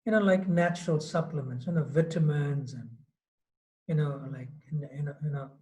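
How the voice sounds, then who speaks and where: Speaking at normal speed in a slightly high, dark-toned voice, a swami in his late fifties gives a devotional lecture in Mauritius. His manner is loose and conversational, with many a "you know," and the recording is rough.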